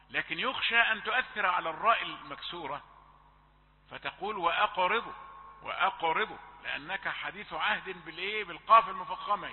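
A man teaching Quran recitation rules, slowly drawing out letters and correcting mistakes. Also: high-pitched. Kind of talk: tajweed lesson with recited examples. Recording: tinny phone-like audio with long reverb.

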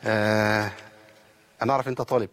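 Brisk Egyptian man teaching recitation. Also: fairly low pitch, fairly even intonation, a bit bright. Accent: Egyptian Arabic. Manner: explains and slowly demonstrates pronunciation. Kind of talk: tajweed lesson.

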